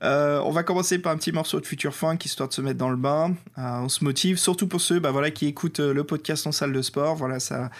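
A man with a French accent co-hosting a podcast in a relaxed, chatty way, often hesitating with fillers. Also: fairly high pitch, fast talker, hardly any pauses. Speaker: podcast co-host. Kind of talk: casual chat.

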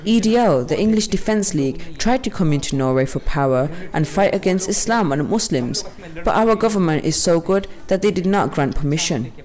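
A man with a fairly high voice reads scripted documentary narration. The delivery is that of a prepared first-person account. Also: lively intonation, moderate pace, darkish tone.

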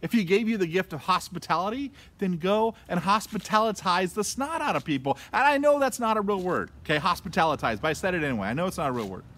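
Male pastor, higher-pitched, very animated delivery, playful conversational sermon. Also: quick pace, few pauses. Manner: lively, conversational preaching with playful asides.

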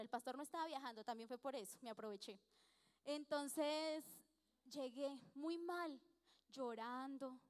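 A woman preaching and telling her own testimony in an earnest, chatty way. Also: high voice. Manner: earnest, chatty, acts out dialogue with frequent small laughs. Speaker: church speaker giving testimony. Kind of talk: sermon with personal testimony. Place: church. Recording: echoey church hall.

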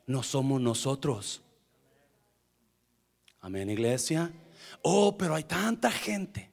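A man preaching a sermon in Spanish to his congregation, slipping English phrases in and swinging between hushed, intimate talk and loud, shouted passages. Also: on the high side, gravelly. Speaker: pastor.

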